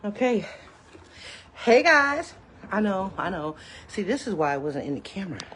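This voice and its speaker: A woman's voice: on the low side, expressive, brisk, a little hiss or hum. A woman hosting a casual live cooking stream from her home kitchen, talking to viewers as y'all, a bit hot and out of breath. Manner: chatty, addresses viewers as y'all. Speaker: cooking livestream host. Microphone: phone livestream.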